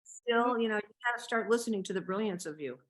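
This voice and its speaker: A woman's voice: mid-range voice, fast, poor audio. A woman in an online workshop giving effusive feedback, stumbling over her words with many restarts. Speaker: workshop participant. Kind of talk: casual feedback. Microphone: video call.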